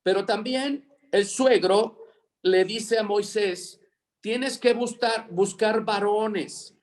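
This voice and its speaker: A man's voice: sits high, takes it slowly. A man teaching a Bible leadership lesson over a video call, dictating words for students to fill in and repeating them.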